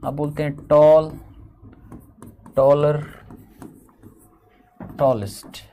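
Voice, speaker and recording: A man's voice: on the high side, steady tone, phone-quality sound. A man teaching a grammar lesson, explaining step by step and drawing out each example word. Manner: explains step by step, slows and drags out example words.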